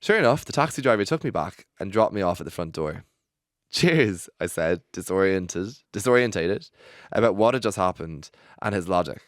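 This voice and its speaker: Deep-voiced man reading a story. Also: brisk, no room sound, studio quality. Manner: expressive reading, breaks into laughter. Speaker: podcast host. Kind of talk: reading a personal story aloud. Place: recording studio.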